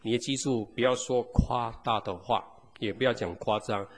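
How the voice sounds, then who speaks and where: A man's voice: medium pitch, normal speed. A man preaching a sermon as pastor, peppering the congregation with rhetorical questions. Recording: long hall reverb.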